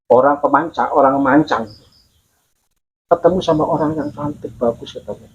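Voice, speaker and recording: A man telling local stories in a casual, animated way, repeating himself and acting out the voices of the people he quotes. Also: on the high side, moderate pace, lo-fi sound, a little hiss or hum. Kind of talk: casual storytelling.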